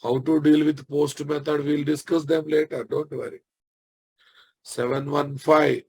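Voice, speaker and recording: His voice is on the high side and husky with vocal fry, showing little pitch movement at a measured pace. He's a software instructor with a Telugu Indian accent, giving an informal technical lecture that repeats phrases and often checks comprehension through tag questions.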